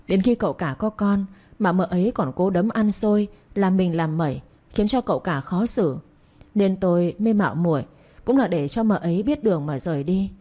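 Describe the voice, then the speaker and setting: Woman doing an old servant woman, sharp-tongued. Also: close to an everyday voice. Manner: scolding shrill abuse, then pleading. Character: old female servant, cornered and defiant.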